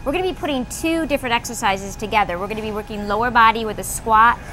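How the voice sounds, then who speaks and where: A woman's voice: on the high side, quick pace, sharp tone, faint music behind, rough recording. A woman, a fitness professional, explaining an exercise as a guest on a show. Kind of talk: instructional interview.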